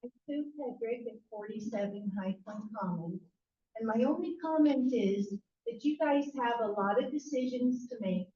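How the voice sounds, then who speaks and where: A woman's voice: a little high, dark tone, slight background noise. Critical woman in an echoey hall. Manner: critical, measured. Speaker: resident speaking at a public hearing. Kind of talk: public comment. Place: echoey town meeting hall. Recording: distant, echoey, dull hall recording.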